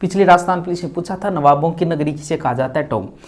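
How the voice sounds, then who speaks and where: A man's voice: a little high, fast. A male teacher, giving an exam-prep lecture, stressing key words and offering memory tricks.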